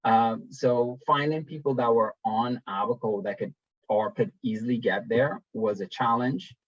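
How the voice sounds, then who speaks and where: A man's voice: medium pitch, unhurried, slightly rough, no room sound. Bahamian man presenting a casual webinar. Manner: relaxed, conversational, with frequent ums and restarts. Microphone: video call. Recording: dull, dry webinar audio.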